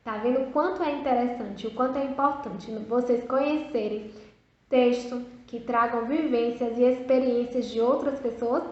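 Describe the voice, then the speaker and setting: High-voiced teacher, slow and echoey. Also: female voice. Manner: slow, drawn-out word modeling, sing-song prompts. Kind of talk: video lesson for young children. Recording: echoey, dull lo-fi room sound.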